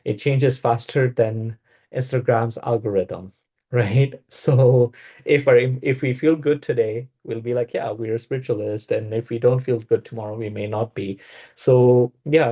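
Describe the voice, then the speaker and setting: A man's voice: mid-range voice, steady tone, measured pace, warm tone. A man presenting in a casual spiritual discussion, talking hesitantly with many fillers and restarts.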